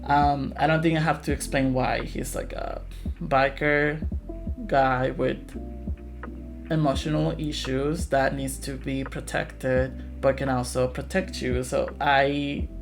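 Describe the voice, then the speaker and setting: A man with a mid-range, gravelly voice speaks slowly in a level tone while hosting a casual live Q&A as a game developer. He comes across as playful and self-deprecating, with guitar music playing in the background.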